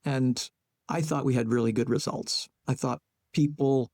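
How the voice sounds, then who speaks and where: Male guest, playwright-educator type; gravelly, mellow voice; unhurried, reflective interview talk in short thought-out phrases. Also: medium pitch, steady tone, dry recording, clean studio sound. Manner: thinks aloud in short measured phrases.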